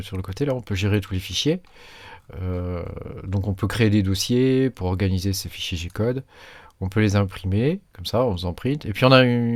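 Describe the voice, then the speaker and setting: A man's voice: fairly low pitch, darkish tone, dry recording. A French-speaking man hosting his own channel, talking casually through a screen demo with lots of hesitations and restarts. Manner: halting, many fillers and restarts. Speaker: maker channel host.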